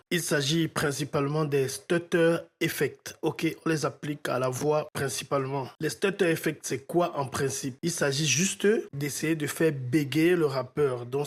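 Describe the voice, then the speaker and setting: A man's voice: fairly high pitch, slightly rough. A man teaching audio mixing in a step-by-step tutorial, often checking in with his viewers. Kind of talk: screen-recorded software tutorial.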